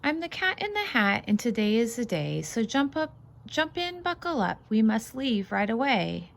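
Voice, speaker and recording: A woman's voice: a little high, sing-song, moderate pace, gravelly. A woman voicing an exuberant, bossy storybook cat showman with bouncy, urging rhymes. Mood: excited, urging.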